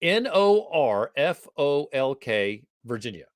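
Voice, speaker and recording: Taking things slowly in a medium-pitched voice, an Atlanta-area host greets his guest on a casual live online interview. He's playful, chatty and animated, and the recording is dry and studio quality.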